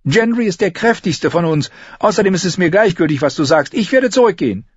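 A man's voice: high-pitched, animated, fairly quick, breathy edge, dry recording, highs cut off, voice pushed up. A man voicing a fierce stubborn girl. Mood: determined. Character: fierce determined young girl, stubborn leader.

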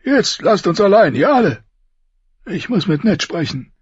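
A gruff, dying king with a strained, raspy, very rough voice that climbs high and swings wildly in pitch. He barks out harsh commands with fierce contempt. The sound is dull and dry, with no room around it. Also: very animated, measured pace, no echo, full character voice. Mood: commanding. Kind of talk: audiobook character voice.

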